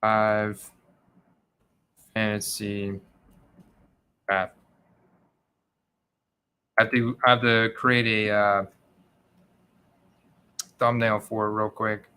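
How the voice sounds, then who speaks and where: A man's voice: on the low side, flat delivery, very slow, pauses often, bright, forceful tone, clean tone. A man hosting a livestream, chatting casually and informally with his viewers. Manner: informal, addresses viewers as guys. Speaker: livestream host.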